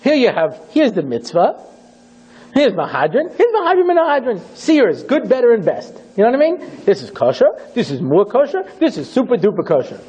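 A male rabbi teaches with theatrical storytelling. His high voice leaps across a wide range and has a husky grain. The recording is dull and lo-fi. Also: wildly swooping pitch, a little fast, warm tone. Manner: dramatic, theatrical, acts out scenes. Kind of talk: animated storytelling lecture.

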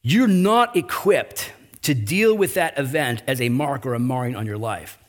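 Animated man preaching a sermon. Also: breathy edge. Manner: animated preaching, pitch and volume rising for emphasis; conversational, with restarts and asides. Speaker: pastor.

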